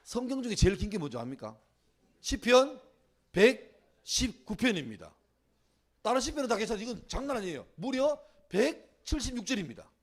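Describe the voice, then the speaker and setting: At a church youth winter retreat, a middle-aged youth pastor preaches a sermon to teenagers in a high-sitting voice at a moderate pace. He is animated, swinging from hushed asides to shouting as he acts out prayers loudly.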